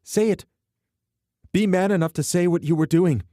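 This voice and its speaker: A man's voice: a little high, animated, moderate pace, dry recording, studio quality, pitched above the performer's own voice, lightly acted. Man voicing a furious heartbroken young woman. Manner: shouting, voice cracking.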